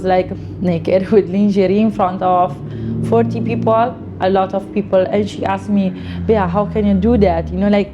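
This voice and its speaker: An Italian fashion model in her late twenties answers interview questions casually in informal, non-native English, dropping "you know" often and speaking with an Italian accent. Her voice is medium-pitched, and the recording is lo-fi with background noise.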